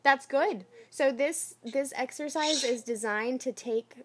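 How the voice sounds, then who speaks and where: Encouraging woman coach, gently directive. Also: high voice, slow. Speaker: life coach. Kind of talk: guided coaching session.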